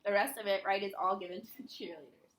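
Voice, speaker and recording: A woman's voice: mid-range voice, steady tone, fast talker. A woman teacher explaining a history lesson, correcting herself as she goes. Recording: echoey room.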